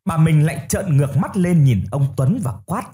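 Male ghost-story narrator, mellow voice. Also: a little high, normal speed. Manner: steady, storytelling delivery.

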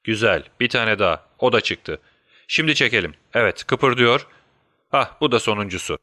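A man's voice: lowish voice, animated, normal speed, bright, forceful tone, dry recording, studio quality. A man voicing Sherlock Holmes, a brilliant, restless detective who speaks urgently and gives commands, in an audiobook. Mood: commanding. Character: brilliant, restless male detective in his prime. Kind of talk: audiobook character voice.

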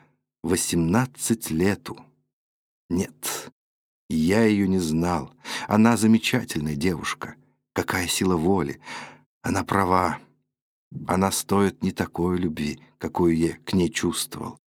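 A man voicing an eloquent, wavering young man who pleads earnestly and quietly. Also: low-pitched, a little slow, pauses often, no echo, studio quality. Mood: brooding.

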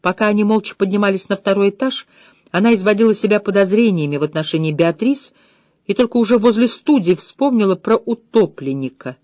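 A woman reading a mystery novel aloud in a measured, calm storytelling manner. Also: mid-range voice, no echo, clean studio sound. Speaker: audiobook reader. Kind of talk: scripted narration.

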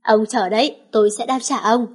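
A woman's voice: fairly high pitch, fairly even intonation, a little fast, natural voice. A woman reading the lines of a stern, protective young father giving curt orders. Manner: curt, commanding.

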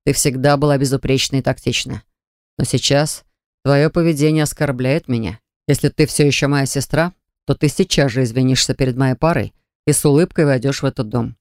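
A woman reading an audiobook and voicing a stern male dragon who speaks slowly and firmly. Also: rumbling low, fairly even intonation, a little mellow, dry recording, clean studio sound. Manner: slow, measured and commanding. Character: stern male dragon, the calm elder brother.

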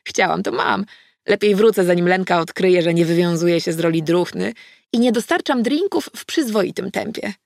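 A woman voicing a cheerful, slightly tipsy female friend in an audiobook, with a lively, bubbly manner. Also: fairly low pitch, moderate pace, vocal fry, no echo, studio quality. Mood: playful. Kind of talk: audiobook character voice.

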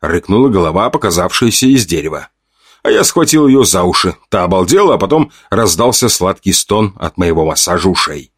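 A man's voice: low voice, sing-song, brisk, breathy edge, dry recording. A man narrating a first-person audiobook in a coarse, mocking manner full of slang, on a close mic.

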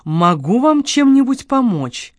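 A woman voicing a soft-spoken, ingratiating male store director who speaks smoothly and deferentially. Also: on the high side, big pitch swings, unhurried, no echo, studio quality, voice pushed up. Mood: placating.

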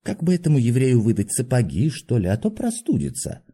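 A man voicing a meek, gentle middle-aged male doctor who speaks softly and apologetically. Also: medium pitch, sing-song, a little fast, breathy edge, voice pushed up. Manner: soft-spoken, apologetic.

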